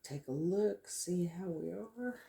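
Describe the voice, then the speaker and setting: A woman's voice: on the low side, animated, takes it slowly, creaky, warm tone, a little hiss or hum. A woman chatting casually to viewers as she works on a craft, thinking aloud as she goes. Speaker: craft vlogger hosting a resin tutorial. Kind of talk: casual chat while working.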